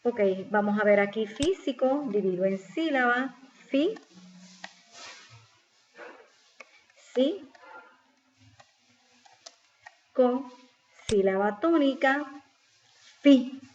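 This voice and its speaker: A woman's voice: a little high, animated, a little slow. A woman teacher patiently explaining a spelling exercise step by step, asking questions and answering them herself. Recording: slightly dull lo-fi recording with faint noise.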